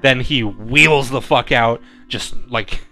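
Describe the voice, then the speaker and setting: A man co-hosting a podcast, walking through a movie plot in a relaxed, rambling way with plenty of ums and chuckles. His voice sits at an ordinary middle pitch, and faint music plays underneath. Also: slow pace. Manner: laid-back, frequent ums and laughs. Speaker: podcast co-host. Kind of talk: casual chat recapping a movie.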